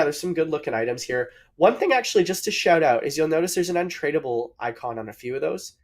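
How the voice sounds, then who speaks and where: A man co-hosting a mobile game livestream, upbeat and chatty, greeting viewers in chat and sounding a bit out of breath. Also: mid-range voice.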